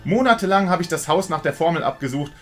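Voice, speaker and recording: A man's voice: a little high, expressive, quick pace, soft background music, voice pushed up, natural voice. A man doing a smug female killer. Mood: gloating. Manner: smug, mocking, coolly theatrical. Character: cold scheming female killer, gloating.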